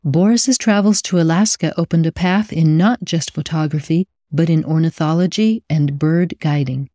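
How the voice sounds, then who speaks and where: A woman's voice: deep voice, moderate pace, mellow, no echo, clean studio sound. A woman hosting a podcast, reading scripted intros and interviewing a guest in an upbeat, effusive way. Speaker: podcast host.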